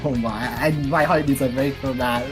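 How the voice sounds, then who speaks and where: A woman casting an esports match live, excitable and animated, often laughing between plays. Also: very deep voice, moderate pace, music in the background. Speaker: esports caster. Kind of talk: live play-by-play commentary.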